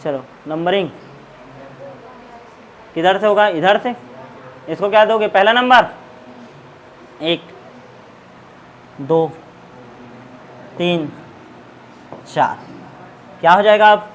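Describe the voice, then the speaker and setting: A man's voice: high-pitched, slow, pauses often, a little hiss or hum, low-quality recording. A man teaching a chemistry class in a classroom, asking students questions and repeating the answers. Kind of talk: classroom lecture.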